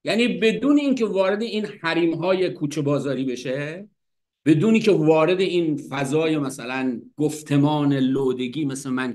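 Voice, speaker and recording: Animated man reciting classical poetry. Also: a little high. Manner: animated, reciting verses, explaining warmly. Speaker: literature teacher and host. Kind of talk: casual lecture on classical poetry.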